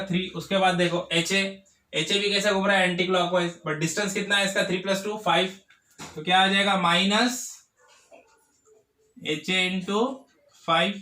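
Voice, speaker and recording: High, bright-voiced male tutor. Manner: asks the class questions and answers them himself. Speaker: engineering tutor. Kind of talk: whiteboard lecture. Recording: echoey classroom.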